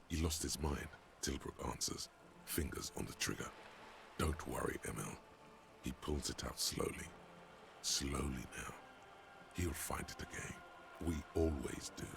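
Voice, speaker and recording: A man voicing a grave male inner-voice narrator of a detective's mind, speaking slowly and solemnly with a very deep gravelly voice. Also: heavily acted. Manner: slow, solemn storytelling. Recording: game audio with clear background noise.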